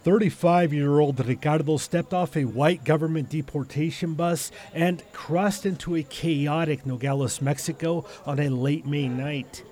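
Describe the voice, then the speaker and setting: A reporter narrating a scripted news story in a measured, descriptive way. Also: male voice, a little high, steady tone, darkish tone.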